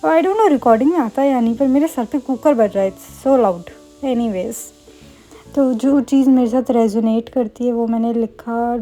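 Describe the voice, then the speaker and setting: A young woman talks quickly and playfully in a casual vlog, poking fun at herself as she goes. Her voice sits a little high but sounds mellow and warm. Faint music plays underneath. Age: young adult. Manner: fast, chatty talker; self-mocking, playful asides. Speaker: medical student vlogger. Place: student hostel room.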